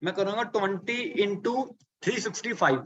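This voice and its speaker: A man's voice: sits high, moderate pace, fairly bright tone, dull audio. A man coaching a live online workshop, asking rhetorical questions and working through sums step by step.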